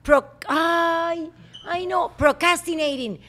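A woman hosting a podcast, teasing and quick in casual chat. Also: a little high, lively intonation. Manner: teasing, quick, laughs easily. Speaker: podcast host.

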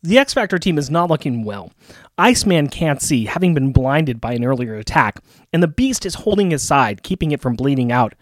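A male co-host reads a scripted comic recap. He tells it playfully with animated, varied intonation. The sound is dry and close. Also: medium pitch, fairly quick, no echo. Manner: playful storytelling. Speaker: podcast co-host.

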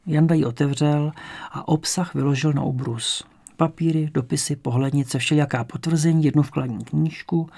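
A man calmly narrating a crime novel as an audiobook reader. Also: fairly high pitch, creaky. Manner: calm, measured storytelling.

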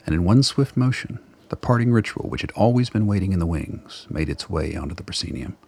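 This radio drama narrator is a man whose voice is extremely deep, gravelly and husky, with a darkish tone. He reads the script expressively, keeping the storytelling measured and dramatic.

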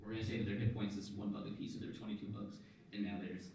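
A man runs a tabletop game in a rambling, chatty way, often restarting his sentences. His fairly low voice comes from well back from the mic in a very echoey room. A faint hiss sits under it. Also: level tone, racing, dark tone, recorded from a distance. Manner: chatty, loose narration full of fillers and restarts. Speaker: game master.

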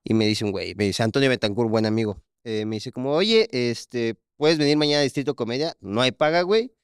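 A man's voice: mid-range voice, a little fast, clear, resonant tone, no room sound, clean studio sound. A young man with a Mexican accent, co-hosting a casual podcast, who tells stories animatedly and acts out the lines of the people in them. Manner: animated storytelling, acts out quotes. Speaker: podcast co-host. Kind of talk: casual chat.

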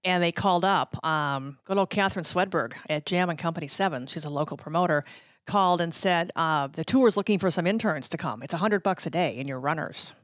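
As a guest on a podcast, a former radio promotions worker, a middle-aged American woman, breezes through anecdotes in casual chat, acting out what people said. Her voice is on the low side and a little fast, with studio quality and no room sound.

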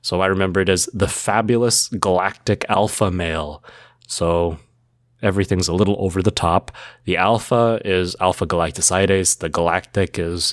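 A man's voice: low-pitched, dry recording, studio quality. A man co-hosting a casual educational podcast, walking through medical facts with playful mnemonics. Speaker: podcast co-host.

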